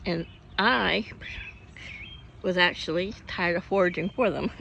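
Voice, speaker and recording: Older woman from Oklahoma, rambling garden vlogger, gravelly voice, outdoor mic with faint birds and traffic. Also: lowish voice, measured pace, pushed and bright. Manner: meandering, homey, with frequent hiccups and yawns. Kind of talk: rambling casual chat.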